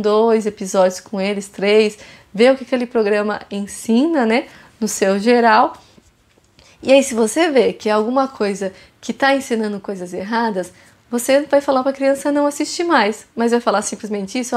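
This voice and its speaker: A woman's voice: a little high, normal speed. A woman giving parenting advice in a casual vlog, earnest and instructive, speaking straight to viewers.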